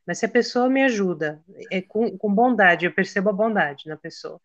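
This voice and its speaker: A podcast co-host with a medium-pitched voice speaks at normal speed in a muffled recording. During a casual chat, she reflects aloud in animated storytelling, quoting her own self-talk.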